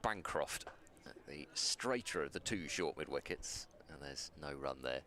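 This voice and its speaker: A very low-voiced man calling cricket ball by ball from a commentary box above the ground. He speaks in a measured, dry, self-deprecating way and stumbles over restarts. Faint ground noise sits behind him. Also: animated, bright, forceful tone.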